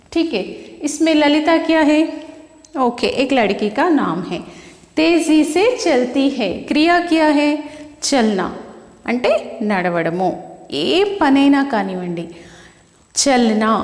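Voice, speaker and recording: A woman teaching a lesson, mixing two languages as she explains and asks and answers her own questions. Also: fairly high pitch. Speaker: Hindi teacher. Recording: echoey room with long reverb.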